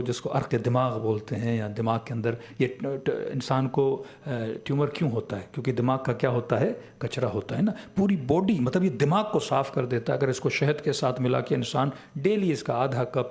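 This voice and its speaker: A man's voice: mid-range voice, hardly any pauses, a little mellow. Urdu-accented man lecturing with rhetorical questions. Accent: Pakistani Urdu. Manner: asks rhetorical questions and answers them himself. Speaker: Shia cleric. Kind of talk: religious lecture.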